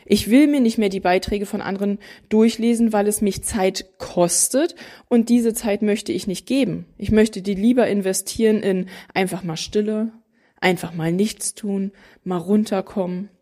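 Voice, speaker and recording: A woman in her thirties speaks casually and directly to her viewers. She is animated and emphatic. She often acts out the voices of other people. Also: mid-range voice, moderate pace. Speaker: mother of three. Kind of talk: casual talking to camera.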